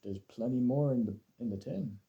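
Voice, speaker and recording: A man's voice: mid-range voice, normal speed, vocal fry, mellow, lo-fi sound, voice pushed up, natural voice. A man imitating his pushy middle-aged father, who insists on his own cooking in an incredulous way. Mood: insistent.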